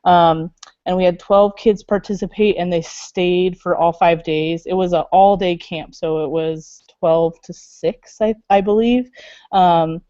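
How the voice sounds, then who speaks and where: A woman speaking on a video call in a lowish voice, chatty and loose, full of little fillers and asides. The sound is dull and lo-fi, with a dry, close feel. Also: steady tone, a little slow, warm tone, dry recording. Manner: chatty, many fillers, laughs. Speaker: library makerspace staff member. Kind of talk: casual video call interview.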